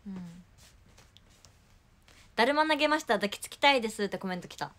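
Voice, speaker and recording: A woman's voice: medium pitch, expressive, a bit bright. A young woman from Kumamoto chatting playfully and teasingly on a livestream from home. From Kumamoto, Japan. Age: young adult. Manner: playful, teasing, quick to laugh. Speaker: idol livestreamer. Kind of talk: casual livestream chat.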